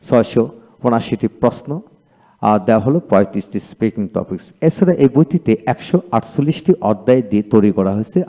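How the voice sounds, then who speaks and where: A male teacher with a Bengali accent gives a video lesson on English pronunciation. His voice is mellow and dark, and his pitch rises and falls widely as he spells out each word letter by letter. He says every word several times, slowly and deliberately.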